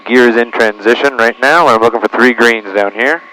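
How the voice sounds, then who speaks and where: Speaking briskly with a bright, forceful medium-pitched voice, a man pilots a small plane and narrates his procedures and radio calls for a vlog, talking himself through checklists. It's captured on an aviation headset, with poor audio and a little hiss or hum.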